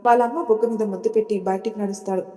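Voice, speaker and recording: Audio story narrator: woman, steady delivery, mellow tone, reverberant room. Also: medium pitch, racing, soft background music.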